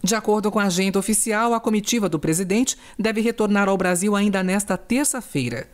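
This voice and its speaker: A woman news correspondent narrating a scripted report in a steady, even delivery. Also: medium pitch, fairly quick.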